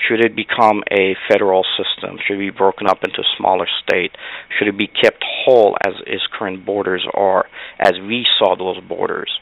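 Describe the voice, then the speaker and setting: Low gravelly male guest analyst, emphatic and measured. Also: level tone, phone-quality sound. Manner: measured, emphatic, with frequent uh fillers. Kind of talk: interview commentary.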